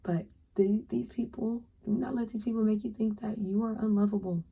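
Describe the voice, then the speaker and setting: A young woman doing a pick-a-card tarot reading, speaking earnestly and encouragingly to the viewer, sometimes dropping into a soft whisper. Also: mid-range voice, steady tone, fairly quick, vocal fry, slightly rough. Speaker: tarot reader.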